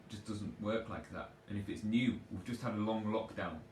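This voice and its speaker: A man's voice: lowish voice, moderate pace, a little mellow. A man working as a personal trainer, giving rambling, chatty advice in a casual live Q&A from his sofa. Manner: rambling, chatty and self-deprecating. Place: at home on a sofa. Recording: echoey room, distant from mic, faint background noise.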